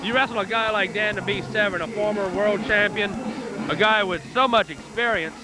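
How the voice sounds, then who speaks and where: A man's voice: high voice, normal speed, low-quality recording. A man giving conversational, explanatory color commentary at a live wrestling event.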